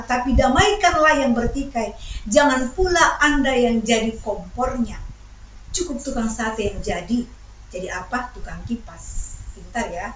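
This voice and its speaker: A woman preacher delivers a lively sermon, teasing her congregation and firing questions at them. Her voice is high. It rings around a church hall, picked up from far off over faint room noise.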